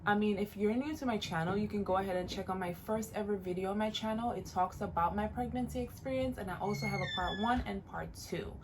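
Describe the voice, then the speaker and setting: Quick and with few pauses, the Jamaican-born vlogger, in her late twenties, shares casual, encouraging advice in a mid-range voice over a noisy background. She repeats phrases for emphasis.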